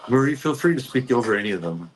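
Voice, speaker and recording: A man speaking as a spirit medium, relaying messages in short, halting fragments during a ghost box session. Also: mid-range voice, animated.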